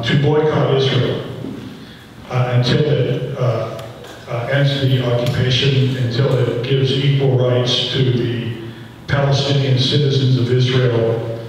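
An older man speaking deliberately at a panel discussion, with many fillers, into a handheld mic in a large brick hall. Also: medium pitch, slight background noise. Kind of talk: public comment at a panel discussion. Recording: echoey hall from far off.

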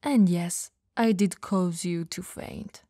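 A woman voices a vampire in an ASMR roleplay who is teasing and dominant yet caring, coaxing and playfully condescending in a breathy, gravelly tone that often drops to whispers. She sounds low and mellow, speaking slowly, in a wry, defensive mood. The recording is studio-quality with no echo.

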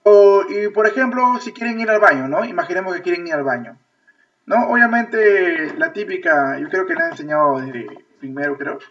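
A Peruvian man with a high, bright voice teaches an online class, repeating himself and checking after nearly every phrase that his students are following. His voice sounds distant from the microphone through thin, lo-fi video-call audio. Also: normal speed. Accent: Peruvian Spanish. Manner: repetitive, checks understanding with constant "ok?". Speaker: English teacher.

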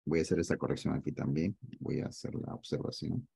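A man teaching math in an online class, joking with his students and asking often whether it is clear. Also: extremely low pitch, steady tone, quick pace, mellow, no echo. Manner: joking, teasing, asks students to confirm often.

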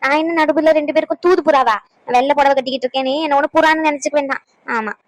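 A woman plays a sarcastic old grandmother in a cartoon. She talks fast in a high voice and scolds her grandson. The sound is dry and close. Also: steady tone, dry recording, close to an everyday voice, poor audio. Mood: scolding.

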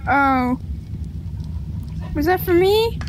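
Very high-voiced woman, squealy and giggly, unhurried talk, faint background noise. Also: animated. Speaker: gaming channel co-host. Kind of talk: casual gaming chatter.

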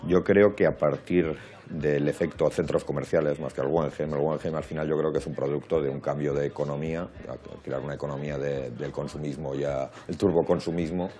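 A man speaking thoughtfully and deliberately in an interview. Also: extremely low pitch, fairly even intonation, warm tone. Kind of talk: reflective interview talk.

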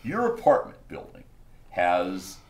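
Lively low-voiced male game master. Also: takes it slowly. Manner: playful, describing scenes. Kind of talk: narrating a tabletop game.

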